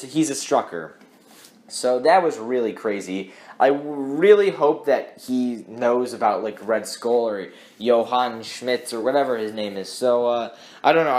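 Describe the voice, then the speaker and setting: A young man hosting a casual TV episode review, rambling with many restarts and fillers. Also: mid-range voice. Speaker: host of a TV review channel.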